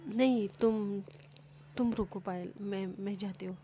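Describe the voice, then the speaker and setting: A woman's voice: mid-range voice, fairly even intonation, measured pace, mellow, a little hiss or hum, natural voice. A woman voicing a nervous, shy young woman who stammers and hesitates often. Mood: hesitant.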